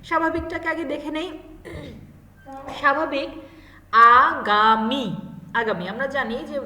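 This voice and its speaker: A woman's voice: sits high, fairly quick, sharp tone. A woman teacher giving a grammar lesson, explaining step by step and asking her students questions. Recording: echoey room with long reverb.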